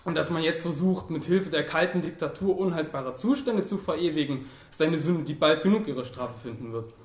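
A man's voice: a little high, brisk, close to an everyday voice. Male reader as a slightly raised, dry, lecturing young idealist, roomy echo. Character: ironic, thoughtful young male moralist.

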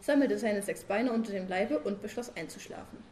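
A woman reading a humorous story aloud as narrator, calm and even. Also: mid-range voice, fairly quick, slight background noise.

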